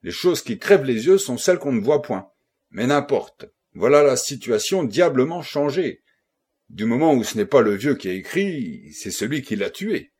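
A man reading the lines of a shrewd, brisk male investigator who reasons through pointed questions, in a husky voice. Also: mid-range voice, sing-song, a little mellow. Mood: reasoning.

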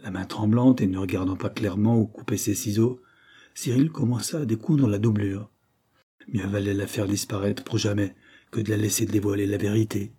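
A man narrating a novel aloud in a steady, measured reading. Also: lowish voice, husky. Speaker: audiobook narrator.

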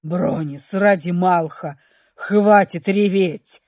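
A man's voice: high voice, slow pace, darkish tone, no room sound, clean studio sound, pitched below the performer's own voice. A woman reading an audiobook, voicing a strict young male elf guardian who scolds and lectures. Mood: scolding.

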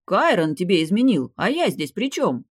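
A woman's voice: mid-range voice, sing-song, normal speed, slightly rough, dry recording, studio quality, voice pushed up. A woman voicing an arrogant, indignant young nobleman, the jilted ex-fiancé, in an audiobook.

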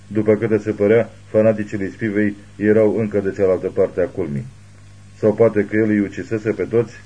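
A man narrating a thriller audiobook in a steady, grave reading. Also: lowish voice, breathy edge, dull audio.

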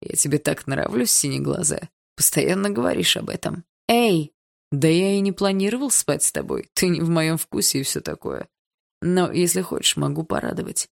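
A woman voicing a cocky, mocking teenage boy in an audiobook, with a slow, drawling, taunting delivery. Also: lowish voice, sing-song, creaky, heavily acted. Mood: teasing. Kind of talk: audiobook character voice.

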